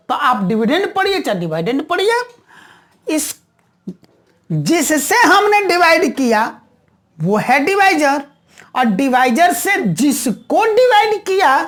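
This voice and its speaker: A woman teaching a maths lesson, patiently repeating each step and answering her own questions. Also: sits high.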